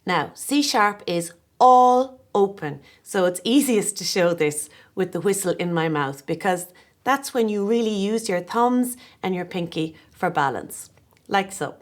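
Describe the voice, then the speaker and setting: A woman in her forties with a Kerry Irish accent, giving a gentle, encouraging, step-by-step tin whistle lesson. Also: mid-range voice, animated, unhurried. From Ireland (West Kerry).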